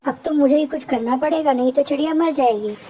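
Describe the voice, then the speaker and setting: A woman's voice: high voice, fast talker, mellow, a little hiss or hum, natural voice, poor audio. A woman voicing a kind, protective male cloud in a cartoon, soothing and pleading. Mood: caring.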